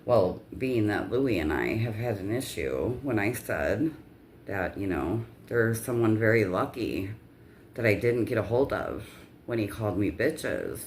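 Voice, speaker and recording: A woman's voice: a bass voice, lively intonation, a little slow, darkish tone, slight background noise. A woman telling a personal story in a casual vlog rant, with blunt, profanity-heavy delivery.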